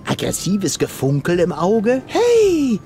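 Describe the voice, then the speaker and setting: A man's voice: high-pitched, wildly swooping pitch, slow pace, mellow, soft background music, full character voice. An actor voicing a cocky, sarcastic young male game hero who talks in a cheeky, mocking way. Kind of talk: game voice acting.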